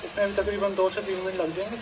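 A cooking channel host voices over a home cooking tutorial, explaining the recipe plainly step by step. His voice is high and his delivery flat and rapid-fire, with background noise present.

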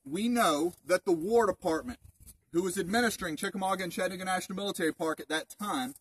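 Out in open woods, a park ranger in his thirties gives a group an informal history talk, conversational and packed with rhetorical questions. He talks fast in a high, slightly bright, husky voice, picked up by a distant outdoor camera mic a few metres away.

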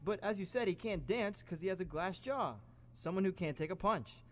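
A man's voice: sits high, animated, normal speed, in a large hall. A man playing a cocky, wisecracking young superhero in an amateur radio play, chatty and sarcastic. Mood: amused.

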